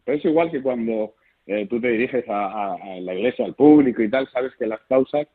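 A man's voice: medium pitch, lively intonation, fairly quick. A man, a clown being interviewed, telling stories in a chatty way. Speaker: interview guest. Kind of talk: phone interview. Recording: tinny phone line.

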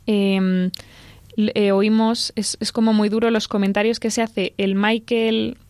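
A woman's voice: medium pitch, level tone, measured pace, darkish tone, dry recording. A woman guest on a radio talk show, explaining at length and retelling scenes with quotes, on a studio mic.

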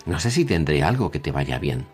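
A man's voice: a bass voice, sing-song, normal speed, soft background music. A man voicing a puzzled, frank little girl in a storybook reading.

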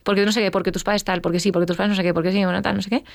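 Fast-talking gravelly woman. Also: mid-range voice, no echo, studio quality. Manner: lively storytelling, acts out quoted dialogue. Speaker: interview guest. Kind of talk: personal testimony.

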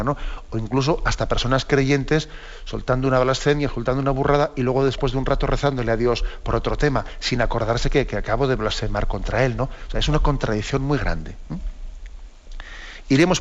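Unhurried man teaching, lo-fi sound. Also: mid-range voice. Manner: unhurried, with many "¿no?" asides. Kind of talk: catechetical talk on a program.

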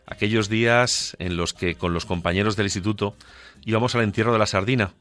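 A radio contributor from La Mancha in central Spain, speaking with a central Castilian accent, delivers an impassioned, rhetorical monologue with emphatic declamation over background music. His fairly low voice is steady, fairly quick and a bit bright.

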